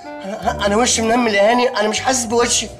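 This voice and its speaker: A breathless, whining young man who is dazed and sure he is dying, speaking with an Egyptian accent. His voice sits high and his words tumble out very fast. The scene comes from a comedy series. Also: little pitch movement, over music. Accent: Egyptian Arabic.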